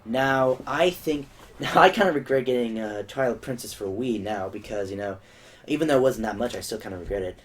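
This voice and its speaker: A man's voice: mid-range voice, fairly quick. A young man hosting a casual gaming podcast, rambling with lots of fillers and restarts. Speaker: podcast host. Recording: faint background noise.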